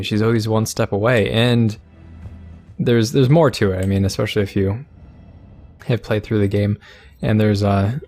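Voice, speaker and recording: A man hosting a let's play, giving casual gameplay commentary in a rambling, halting way, searching for words. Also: fairly low pitch, darkish tone.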